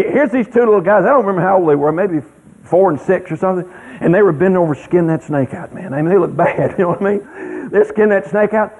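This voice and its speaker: A middle-aged man tells a folksy story to an audience in a rambling, animated drawl. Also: fairly high pitch, slightly rough. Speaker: speaker telling a story to an audience. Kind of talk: folksy anecdote telling. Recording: tinny radio broadcast.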